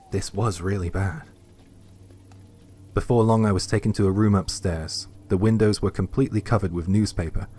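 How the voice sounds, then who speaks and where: Deep-voiced man narrating horror. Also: a little mellow, slight background noise. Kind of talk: scripted first-person narration.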